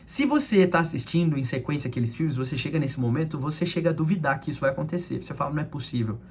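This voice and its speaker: A man's voice: on the high side, expressive, fast. Young man giving a devotional talk. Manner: conversational, addresses listeners as friends, frequent tag questions.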